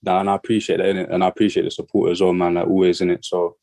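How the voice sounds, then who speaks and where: A man talks about his music in a loose, rambling way, full of "like" and restarts. His voice is very low and mellow, with little rise and fall. He sounds a bit out of breath. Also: racing, creaky. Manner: relaxed, rambling, lots of "like" fillers. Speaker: guest artist and musician. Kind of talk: casual interview chat.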